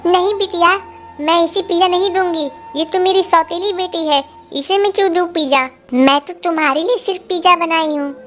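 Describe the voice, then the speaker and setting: A woman's voice: extremely high pitch, steady tone, brisk, fairly bright tone, faint music behind. A woman voicing a cruel, harsh stepmother bird in a cartoon. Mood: doting. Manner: harsh, scolding. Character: cruel scolding stepmother bird, female, adult.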